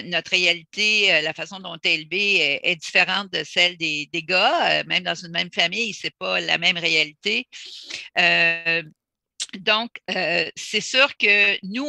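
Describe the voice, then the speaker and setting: A woman takes part in a panel discussion over a video call. She speaks slowly and deliberately, stopping to find her words. Her voice is very bright and gravelly, and the sound is dry and close. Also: lowish voice, no echo. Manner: measured, thoughtful, pauses to search for words.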